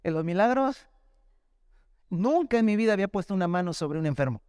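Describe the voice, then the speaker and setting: A man's voice: high-pitched, very animated, brisk, a little mellow, smooth, no echo, clean studio sound. A man with a Mexican accent, a pastor preaching a sermon through a personal testimony, talking in a conversational storytelling way and often addressing listeners as brother. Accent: Mexican Spanish.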